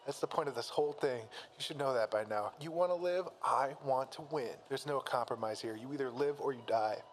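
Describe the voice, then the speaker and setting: A man's voice: mid-range voice, fairly quick, slight background noise, natural voice. A man voicing a ruthless young woman fighter, blunt and mocking, in a read-aloud fan story. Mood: cold.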